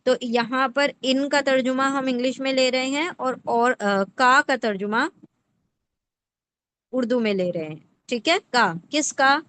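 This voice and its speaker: In a patient, explanatory lesson, a woman with a high, slightly bright voice teaches the Quran word by word. She breaks each word into parts and keeps checking in with the listener through rhetorical questions.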